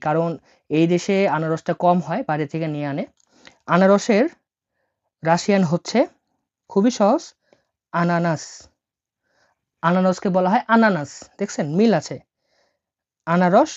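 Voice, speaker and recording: A woman teacher talks through a language lesson in a mellow, fairly low voice. She spells each word letter by letter and repeats it patiently. The recording sounds a little dull and lo-fi.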